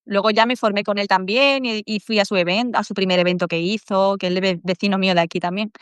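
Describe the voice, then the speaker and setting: Smooth-voiced Andalusian woman, earnest and reflective. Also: medium pitch, fairly even intonation, quick pace, dry recording. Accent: Andalusian Spanish. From Málaga, Spain. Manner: earnest, reflective, acts out inner dialogue in soft voices. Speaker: podcast guest. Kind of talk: casual interview chat.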